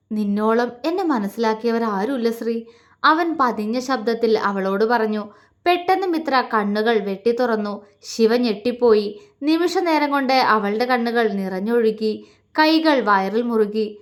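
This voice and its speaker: High-voiced woman telling a story softly. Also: lively intonation, unhurried. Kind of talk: narrated romance story.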